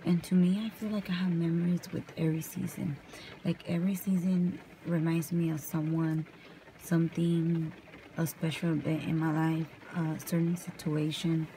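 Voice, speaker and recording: Young woman, relaxed rambling ASMR talk, mellow low voice, close mic in a car. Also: normal speed, a little hiss or hum, poor audio. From California. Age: young adult. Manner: softly spoken, rambling and casual while brushing her hair. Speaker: vlogger. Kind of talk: soft-spoken ASMR chat. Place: parked car at night, rain outside. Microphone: camera close up.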